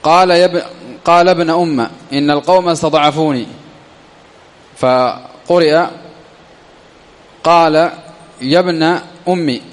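A man teaching a classical grammar lesson, slowly, often repeating key phrases for his students. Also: on the high side, fairly even intonation. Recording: long echoey reverb.

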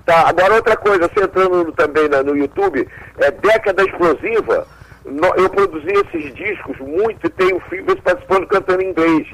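A man's voice: sits high, big pitch swings, fairly quick, creaky, fairly bright tone, rough recording. A man, a joking and talkative band member who often repeats words as a radio guest. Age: 70s. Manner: jokey, chatty, repeats words. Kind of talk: radio interview.

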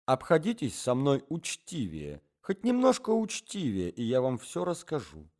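Brief: nervous imploring gentleman, voiced by a man, animated delivery. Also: mid-range voice, normal speed, pitched above the performer's own voice. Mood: pleading. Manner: anxious, imploring, formal phrasing. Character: flustered middle-aged gentleman, pleading and fussy.

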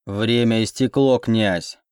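A man's voice: fairly low pitch, fairly even intonation, slow, darkish tone, clear, resonant tone, dry recording, studio quality. A man playing a bellowing masked warlord. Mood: menacing. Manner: bellowing threats. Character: menacing forest warlord in a bear mask.

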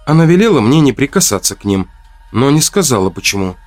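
Give me a stern young healer woman, as a male narrator puts her on, raised pitch. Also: big pitch swings, quick pace, darkish tone, soft background music, natural voice. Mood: firm. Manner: firm, demanding.

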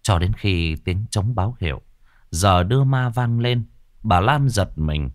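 A man narrating a ghost story in a slow, somber way. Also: lowish voice, animated. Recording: faint music behind the voice.

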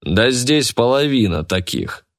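A man's voice: medium pitch, very animated, no room sound, studio quality, pitched above the performer's own voice. A man voicing a smug, greedy male auctioneer who draws out his announcements. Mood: gloating. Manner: drawn-out, gloating announcing.

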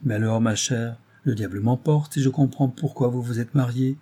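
A man voicing a tipsy, boisterous young gentleman in an audiobook, loud and teasing. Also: medium pitch, normal speed, natural voice. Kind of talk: audiobook character voice.

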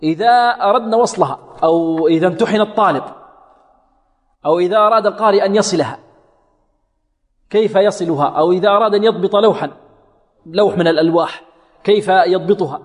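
A man's voice: high-pitched, fast, long pauses. A man teaching Quran recitation in a classroom lesson, quizzing his students and demonstrating sounds over and over. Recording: echoey hall reverb.

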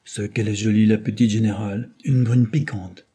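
A cheeky young mechanic who jokes and teases his way through every exchange, in a storybook reading, as a male reader puts him on. The voice sits rather low, mellow and a little husky. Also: steady tone, normal speed. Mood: teasing. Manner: teasing, jokey banter.

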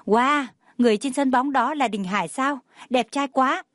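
A woman puts on excited schoolgirls squealing over a boy, pushed higher and a bit louder than her own voice. The recording is close and dry. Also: moderate pace, no room sound.

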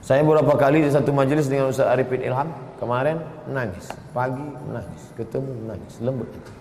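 A man giving a lively sermon, telling stories and breaking into chanted phrases. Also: medium pitch, fast, slight background noise. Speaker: preacher. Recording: echoey hall with faint ambience.

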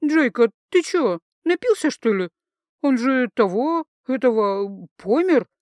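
A woman voicing a tipsy, bold young woman who teases loudly and slurs her words. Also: very animated, takes it slowly, no room sound. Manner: slurred, giggly, high-pitched chatter.

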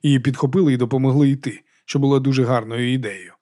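A man narrating a novel in a calm, steady voice of medium pitch. His reading is even and unhurried. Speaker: audiobook narrator. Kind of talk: scripted narration.

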